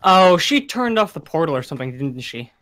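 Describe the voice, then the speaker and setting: Playful young man, slightly high voice. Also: sing-song, brisk, fairly bright tone. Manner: playful, self-mocking. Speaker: gamer friend. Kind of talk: casual gaming chat.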